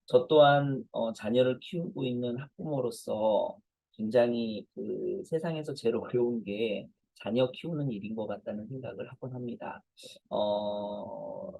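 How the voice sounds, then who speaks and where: A man's voice: medium pitch, creaky, warm tone, husky, no room sound, rough recording. A man in his forties, a professor, giving a conversational lecture to parents and telling self-deprecating stories.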